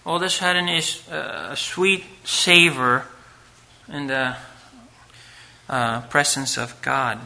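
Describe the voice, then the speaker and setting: A male preacher delivers a sermon from the pulpit in a very bright, forceful voice. He takes his time, stretching key words and putting questions to the congregation as he works through scripture. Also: medium pitch, fairly even intonation, gravelly. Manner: emphatic, with rhetorical questions and drawn-out words.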